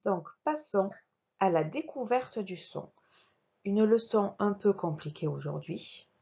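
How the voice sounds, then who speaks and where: A woman teacher giving a slow, careful reading lesson to young children, spelling out each sound while working on screen. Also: mid-range voice, animated, creaky, warm tone, slightly rough, dull audio. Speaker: primary school teacher.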